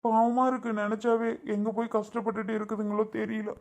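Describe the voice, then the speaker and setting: A sorrowful old grandfather, played by a performer in a family drama skit, worrying aloud in a plaintive, lamenting way. The voice sits at an ordinary middle pitch. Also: flat delivery, fairly quick, a little mellow, close to an everyday voice. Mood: grieving.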